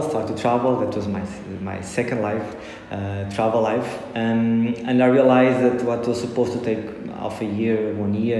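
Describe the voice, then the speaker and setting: A man with a Portuguese accent recounts his story, stopping and restarting often as he searches for words. His voice is low and mellow. It rings out in a large echoey hall with a faint hiss behind it. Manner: halting, many restarts and fillers. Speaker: interview guest. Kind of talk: casual storytelling.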